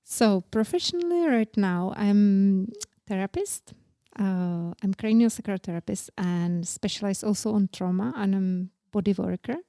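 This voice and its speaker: A woman in her forties with a Czech accent, speaking English as a second language, telling about her life as an interview guest in halting, earnest sentences. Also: mid-range voice, expressive, dark tone, no echo, clean studio sound. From Czech Republic. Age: 40s. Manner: halting non-native English, plain and earnest. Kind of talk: casual interview.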